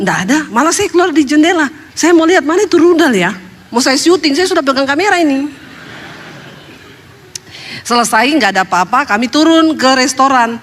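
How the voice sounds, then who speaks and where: A woman pastor with a high voice, preaching through a string of chatty, funny stories. Her words ring on in the long reverb of a hall. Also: a bit bright. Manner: chatty and humorous, laughing at her own jokes. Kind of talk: storytelling sermon.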